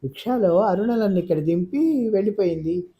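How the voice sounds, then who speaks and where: A man doing a brisk young daughter. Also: high voice, expressive, vocal fry, mellow, slightly rough, lo-fi sound, voice pushed up, full character voice. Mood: puzzled. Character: young woman, lively carefree daughter.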